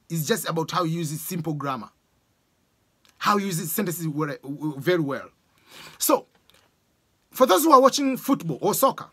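A man in his forties from Tanzania with a Tanzanian accent, giving animated casual exam advice to a close camera in a small room. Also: high-pitched, breathy edge. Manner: animated, gestures a lot, uses sports examples. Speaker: education vlogger. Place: small room with bookshelves, indoors. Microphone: camera close up, webcam framing.

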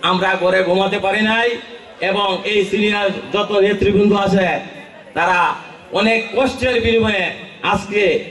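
A man with a Bangladeshi accent giving an emphatic, declamatory political rally speech, often raising his voice to a shout. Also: high-pitched, steady tone, a little slow, pauses often. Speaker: political party leader speaking at a rally. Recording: echoey, distant public-address sound.

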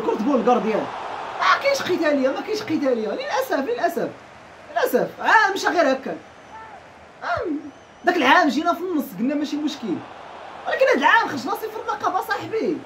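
A Moroccan-accented woman commentating her own gameplay at a breakneck clip. Her voice sits a little high and swings widely in pitch as she laughs and yells at the match. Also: background noise. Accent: Moroccan Arabic. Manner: excitable, laughs often and shouts at the game. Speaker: gaming YouTuber.

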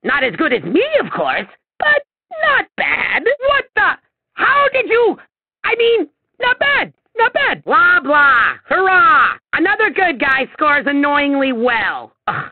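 Kaos, squeaky gravelly evil emperor. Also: male voice, huge pitch swings, measured pace, no echo, heavily acted. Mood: grudging. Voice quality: shrill, gravelly. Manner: pompous, theatrical, exclamatory. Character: vain, scheming little male evil emperor. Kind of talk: video game villain voice acting. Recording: thin, phone-like narrow-band sound.

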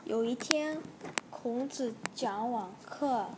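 A woman teacher slowly reading a simple story aloud for learners, with careful, halting phrasing. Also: on the high side, heavy background noise.

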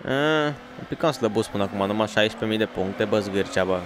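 A man playing a racing game for his channel, chatting in slangy, excitable bursts to himself and his viewers. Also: fairly low pitch, noisy background. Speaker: gaming YouTuber. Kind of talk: let's play commentary.

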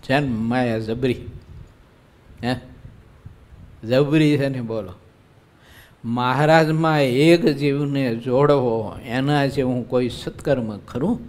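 A man's voice: medium pitch, fairly even intonation, slow, long pauses, darkish tone. A man who is a monk, giving a devotional sermon at a live religious gathering in a conversational way, often asking his listeners rhetorical questions. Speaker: monk preacher.

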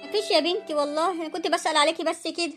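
A woman voicing a poor, gentle older mother-in-law in an Egyptian cartoon story, pleading and self-effacing, with an Egyptian accent. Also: extremely high pitch, fairly even intonation, very fast, faint music behind.

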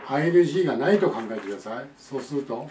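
A man giving a spoken pronunciation lesson, explaining patiently and repeating example words slowly. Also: medium pitch, expressive. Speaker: English conversation teacher. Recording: echoey room, distant mic, faint noise.

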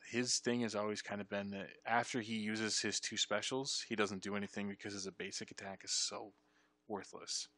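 A young man streaming, reading game ability text aloud and reacting with excited bursts in casual commentary. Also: lowish voice, creaky, no room sound. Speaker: streamer reviewing game ship changes.

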